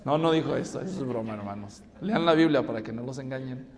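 A male preacher giving a sermon with animated storytelling and questions to the congregation. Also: medium pitch, fast talker. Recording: reverberant hall.

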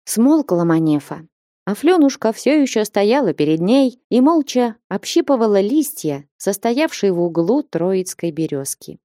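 A woman narrating a classic novel as an audiobook in a calm, even storytelling manner. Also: mid-range voice, a little slow, dry recording, studio quality. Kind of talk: scripted literary narration.

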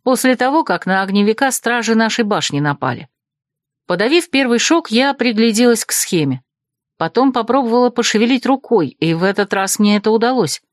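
Woman narrating an expressive audiobook. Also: a little high, brisk, no room sound, clean studio sound. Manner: lively, expressive, wry inner monologue. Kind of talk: first-person audiobook narration.

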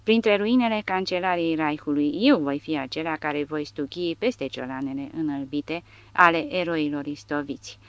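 A woman's voice: deep voice, clear, resonant tone, dry recording, lo-fi sound, lightly acted. A woman voicing a big, brash male soldier who growls threats and boasts in an audiobook. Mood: boastful.

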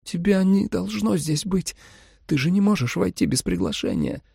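A man's voice: sits high, expressive, moderate pace, creaky, dark tone, husky, no room sound, studio quality, pitched above the performer's own voice, exaggerated voice. A man doing a tense young huntress. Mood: pleading. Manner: pleading, then firm. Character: young woman hunter, tense, determined.

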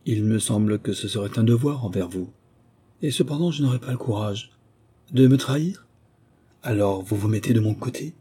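A man reading an audiobook voices a headstrong, playful young girl, lifting his voice and talking quickly and teasingly. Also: on the low side, warm tone, husky.

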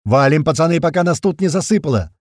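A man's voice: fairly high pitch, expressive, quick pace, dry recording, studio quality, pitched above the performer's own voice. A man voicing a tough male squad leader who barks orders at his men. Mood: shouting orders. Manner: shouting commands.

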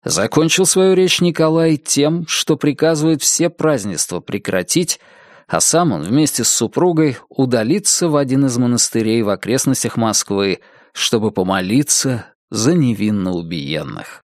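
A man reading a first-person novel aloud as an audiobook narrator, in a measured storytelling manner. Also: medium pitch, sing-song, darkish tone, no echo, studio quality.

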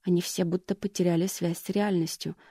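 An audiobook narrator reading a thriller chapter in scripted narration with a steady, even delivery. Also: medium pitch, fairly quick, dry recording, clean studio sound.

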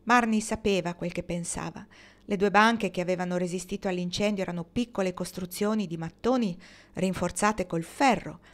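A woman reading a novel aloud with steady, even narration. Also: lowish voice, normal speed. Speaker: audiobook reader.

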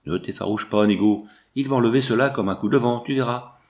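Man playing a gruff old trapper. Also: medium pitch, a little fast, darkish tone, lightly acted. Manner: blunt, familiar.

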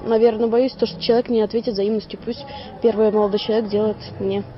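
A woman's voice: mid-range voice, level tone, fast, muffled recording. A woman frankly answering a street interviewer. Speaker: passer-by interviewee.

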